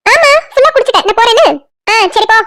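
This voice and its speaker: Woman doing a scolding village mother for a cartoon, Kanyakumari Tamil accent, very high voice, dry sound. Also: fairly bright tone, dry recording. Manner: scolding, brisk.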